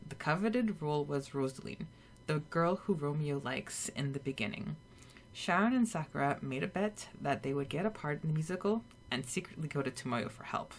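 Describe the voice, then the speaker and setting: A podcast co-host with a low voice chats casually, using fillers, then steadily reads out a chapter summary. The recording carries a slight hiss or hum.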